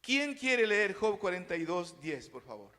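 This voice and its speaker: A male pastor delivers a sermon with a strikingly high voice. His words ring out in a large church hall with a long reverb, and he calls back and forth with the congregation, swelling loud on the phrases he stresses. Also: very animated, unhurried. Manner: preaching with call-and-response, swells loud on key phrases.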